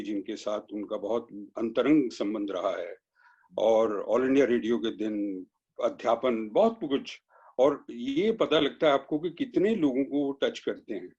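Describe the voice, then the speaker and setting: A man's voice: medium pitch, darkish tone, slightly rough, dull audio. A man giving a spontaneous memorial tribute over a video call, earnest and reflective, dropping in English phrases. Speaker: speaker paying tribute.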